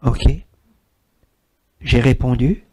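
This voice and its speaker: A man's voice: mid-range voice, steady tone, drawn-out words, dark tone, breathy edge. A man, giving a spiritual talk and taking questions from an audience, repeating words for emphasis. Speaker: spiritual speaker.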